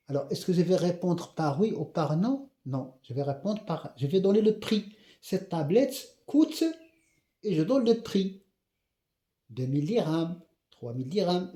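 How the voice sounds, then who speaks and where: A man with a Moroccan accent teaching a grammar lesson, repeating example questions slowly and often checking that the class has understood. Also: fairly high pitch, warm tone, reverberant. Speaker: French teacher.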